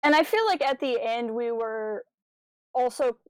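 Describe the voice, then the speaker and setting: In studio-quality sound with no echo, a podcast co-host offers enthusiastic, analytical chatter about a fan audio drama's stories. Her voice is fairly high and clean-toned, and her pace is measured.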